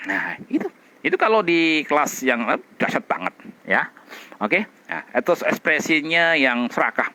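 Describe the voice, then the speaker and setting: A middle-aged man teaching a public speaking class, demonstrating expressions and vocal drills with loud chants and quiet whispers. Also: on the high side, sing-song, a little slow. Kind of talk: energetic training class.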